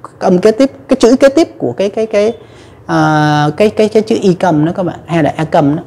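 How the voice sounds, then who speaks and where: A woman's voice: lowish voice, lively intonation, quick pace, mellow, slight background noise. A woman teaching English pronunciation to viewers, patiently explaining step by step with frequent fillers. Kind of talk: pronunciation lesson.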